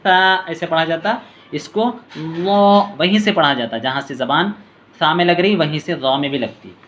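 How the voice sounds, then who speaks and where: A man teaching letter reading step by step. He calls out each letter name in a long, drawn-out tone, then explains quietly in a lower voice. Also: a little hiss or hum. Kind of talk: patient step-by-step reading lesson.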